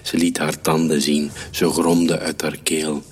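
A man reading a children's story aloud in a calm, measured way. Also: rumbling low, slightly rough. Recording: reverberant room with soft music.

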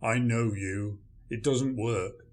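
A man's voice: mid-range voice, fairly even intonation, takes it slowly, natural voice. A man playing a grumpy male writer, dry, sarcastic and dismissive in a radio play. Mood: sardonic.

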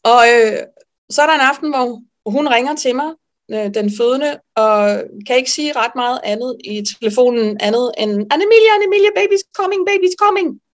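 Lively woman midwife telling a story. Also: fairly high pitch. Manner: lively, animated storyteller with frequent fillers. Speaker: midwife guest. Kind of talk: personal storytelling in a podcast interview.

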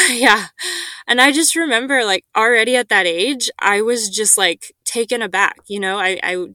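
Young woman guest, earnest, lots of ums, bright voice, grew up in guatemala and mexico. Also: a little high, normal speed, no room sound. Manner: earnest, soft-spoken, with frequent ums and light laughs. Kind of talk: personal testimony in a podcast interview.

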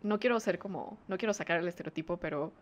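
A woman's voice: fairly low pitch, fast. A woman, co-hosting a podcast in casual chat, talking with many fillers and frequent laughs. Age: 20s. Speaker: podcast co-host.

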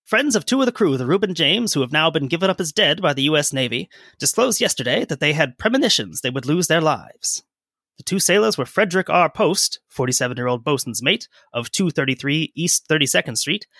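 A man co-hosts a casual history podcast, reading old newspaper quotes aloud between conversational asides. His voice is bright and a little higher than most men's. The sound is dry and close. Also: big pitch swings, a little fast, no echo. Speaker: podcast co-host.

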